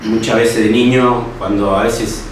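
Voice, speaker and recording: In an echoey room with a distant mic and faint noise, a young man with a Uruguayan Spanish accent gives a reflective personal interview. A history student and teacher, he talks a little slowly in a flat, mid-range voice, with many restarts and tag questions.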